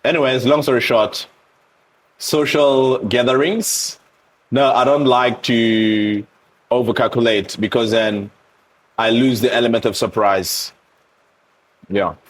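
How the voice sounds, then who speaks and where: A man's voice: medium pitch, slow pace, long pauses, a little hiss or hum. A man in his thirties from Eswatini, a guest in a candid interview, talking openly and animatedly about himself with many asides. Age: 30s. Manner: animated storyteller who voices others' reactions in asides.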